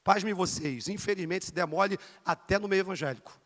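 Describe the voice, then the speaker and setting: A man with a Rio de Janeiro Portuguese accent preaches a lively evangelical sermon in a high, bright, forceful voice. He is emphatic, swinging between loud bursts and quiet asides, and keeps calling the congregation dear brother. The sound carries the long reverb of a church hall. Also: a little fast. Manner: addresses listeners as dear brother, asks for amens. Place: church sanctuary.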